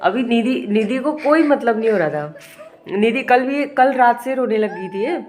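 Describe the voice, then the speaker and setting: At home indoors, a young mother and vlogger chats casually despite a bad headache, her child crying as she fondly scolds it now and then. Her voice is a little high and darkish, with lively intonation at a moderate pace, against slight background noise.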